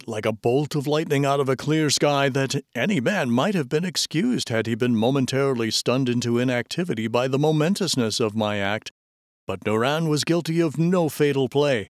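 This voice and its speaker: A man narrating audiobook excerpts in a measured, even storytelling manner. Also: medium pitch, dry recording, studio quality.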